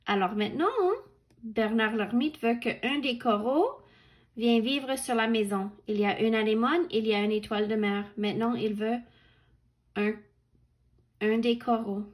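A woman reading a picture book aloud to children, pausing to point out the pictures, count along and correct her own misreadings. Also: on the high side, fairly even intonation. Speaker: children's story reader.

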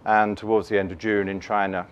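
A middle-aged man giving a keynote on markets from a lectern, measured and dotted with fillers and restarts. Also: fairly low pitch, level tone, clear, resonant tone, muffled recording. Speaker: investment keynote speaker. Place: conference room, standing at a lectern.

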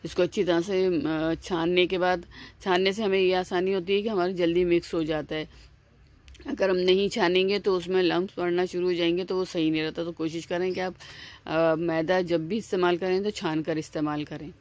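With a fairly low, slightly mellow voice and a steady tone at normal speed, this woman hosts a home cooking video. She explains each step chattily, circling back to repeat herself and frequently restarting with "aa" fillers.

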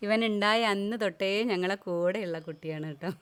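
A woman's voice: medium pitch, brisk, crowd noise. A woman chatting casually as a family member in a home vlog. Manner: chatty, explaining family ties.

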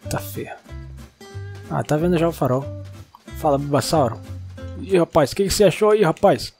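A young man with a Brazilian Portuguese accent, excitedly narrating a video game and talking to its characters. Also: a little high, moderate pace, creaky, faint music behind. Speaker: gaming YouTuber. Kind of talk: let's-play commentary.

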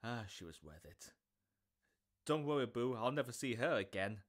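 A young man voicing a cocky but kind street thief who talks in a casual, quick-witted, joking way. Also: mid-range voice, expressive, lightly acted. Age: young adult.

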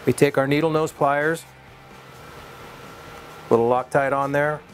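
A man, a head engine builder, calmly walks through a shop how-to demonstration in plain, measured technical terms. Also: on the high side, soft background music.

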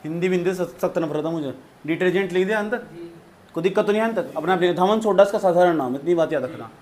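High-voiced man teaching a class. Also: fast, a little mellow. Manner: repetitive, drills terms, quizzes students. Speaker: science teacher. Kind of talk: classroom lecture. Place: classroom with students.

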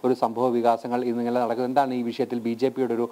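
A man reporting live for the news and putting questions to an interviewee. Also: mid-range voice. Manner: rapid flat questioning. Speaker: field reporter.

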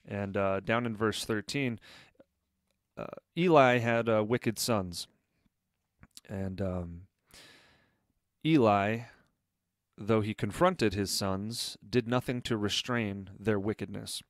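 Man, low and clear, earnest commentary with many fillers. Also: slow, pauses often, dry recording, studio quality. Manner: earnest, with frequent fillers and restarts. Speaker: online commentator. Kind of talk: critical commentary video.

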